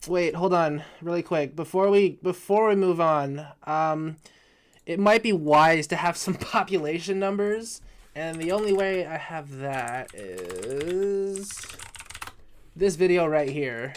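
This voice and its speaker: A man, plainly drunk, talks through a live reaction stream in a voice pitched a little above the usual, rambling and swearing as he goes. He stumbles and restarts his words often. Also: expressive, slow pace. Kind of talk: casual live reaction commentary. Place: his own room.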